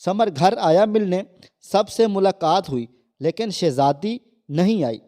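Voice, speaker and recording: Man narrating a story in a mellow voice. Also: high-pitched, lively intonation. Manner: reads every character's quoted lines in his own voice, only slightly raised for the girl. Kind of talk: scripted narration of a moral story.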